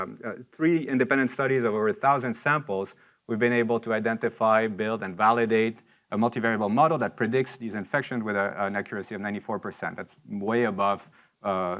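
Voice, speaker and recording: A man giving a rushed startup lightning talk, halting and repeating words as he presents technical material. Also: lowish voice, a bit bright. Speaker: anesthesiologist.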